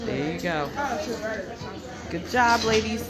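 A woman's voice: medium pitch, lively intonation, slow pace. A woman behind a handheld phone chatting casually and encouragingly as she films. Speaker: event helper filming a live stream. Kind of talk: casual encouraging chat while filming. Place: busy tea room. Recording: loud crowd chatter in busy room.

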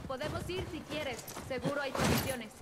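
A woman's voice: high-pitched, normal speed, crowd noise, natural voice. A woman with a Latin American Spanish accent playing an easygoing young survivor companion in a naturalistic video game dub. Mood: relaxed, friendly.

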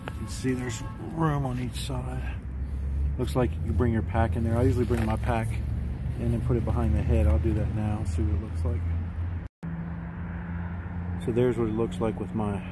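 A man with a low, flat voice reviews outdoor gear at a moderate pace, relaxed and plain-spoken with frequent "um"s as he shows off a tent from inside and beside it in a backyard. He records on a phone held at arm's length, and background noise is audible.

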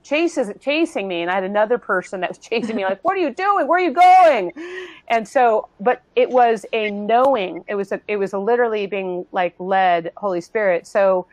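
Woman, earnest testimony, mid pitch, halting restarts, dry close sound. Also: dry recording, rough recording. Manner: earnest, halting, many restarts, acts out others' voices. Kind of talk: emotional personal testimony in a panel talk.

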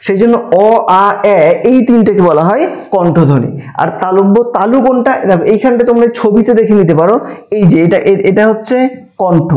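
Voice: mid-range voice, a little mellow. A teacher in an exam-prep grammar lesson, explaining step by step and answering their own questions.

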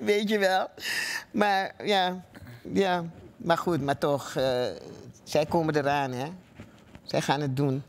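An older man, a veteran stage actor, speaking slowly and reflectively. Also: fairly high pitch. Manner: slow and reflective.

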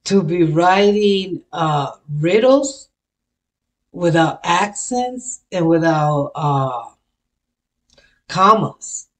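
A woman hosts a casual reaction video, switching between Spanish and English as she explains lyrics and thinks aloud, often restarting and correcting herself. Her voice is fairly low and animated, she speaks very slowly, and she leaves long pauses.

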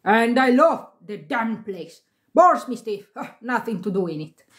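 A woman's voice: mid-range voice, very animated, a little slow. A woman voicing a grim, boozy male actor. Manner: grim, blunt. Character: gruff drinking male bass actor.

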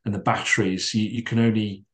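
A middle-aged man talks in a calm, measured way as a podcast guest, his voice sitting a little low. He circles back on his words, with plenty of fillers, as he reflects. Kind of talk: reflective storytelling in conversation.

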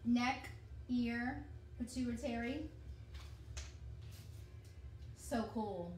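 A woman's voice: on the high side, drawn-out words, a little mellow, faint music behind. Gushing woman, echoey kitchen. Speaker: host of an essential oils unboxing. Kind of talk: casual unboxing chat on a livestream. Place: home kitchen, indoors. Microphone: phone camera across the counter. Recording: echoey kitchen, heard from a distance.

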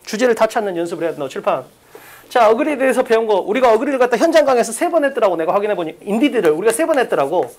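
A woman's voice: a little high, animated, racing, darkish tone. A woman teaching an English exam-prep class live in a classroom, firing off rhetorical questions and bluntly pushing her students. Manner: blunt, teasing, occasionally crude. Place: classroom with blackboard.

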